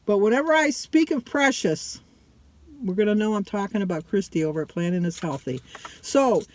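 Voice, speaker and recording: A mature woman talks casually to her online viewers. Her delivery is chatty and loose, wandering from one thought to the next and often restarting sentences. Her pitch sits in a middle range. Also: expressive, moderate pace, a little mellow, dry recording. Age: middle-aged or older. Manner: chatty and rambling, often breaking off mid-sentence. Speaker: vlogger.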